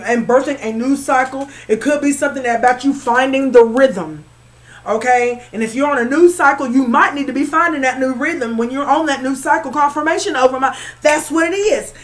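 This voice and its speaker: A woman with a high, light voice talks through a spiritual tarot reading. She is chatty and repeats herself, often pausing to check in with her listeners. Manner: bursts into laughter at herself. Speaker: tarot reader.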